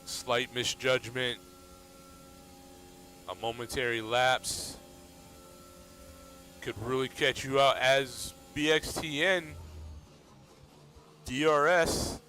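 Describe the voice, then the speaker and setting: A man commentating a sim racing league race in a relaxed, steady play-by-play manner. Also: mid-range voice, slow, long pauses, faint music behind. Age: adult.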